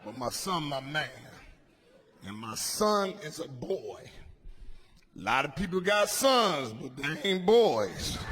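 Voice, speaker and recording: Stand-up comic man from D.C., high-pitched voice, loud and shouty, on a noisy live club mic. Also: very animated, takes it slowly. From Washington, D.C. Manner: loud, swings from low mutter to shouted punchlines. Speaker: stand-up comedian. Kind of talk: stand-up comedy set. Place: comedy club stage. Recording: live club recording with ambient noise.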